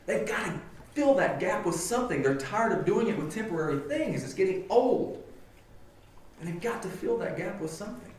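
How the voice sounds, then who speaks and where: A man's voice: high-pitched, expressive, moderate pace, a little hiss or hum. A man preaching a sermon as pastor, talking to his congregation in an earnest, conversational way full of rhetorical questions. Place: church sanctuary. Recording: echoey church hall, mic at a distance.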